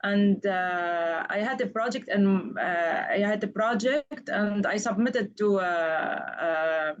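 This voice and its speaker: A woman's voice: mid-range voice, takes it slowly, muffled recording. A woman from Lebanon, a startup founder speaking on an online panel over an unstable mobile data connection, explaining earnestly step by step. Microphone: video call over 4G.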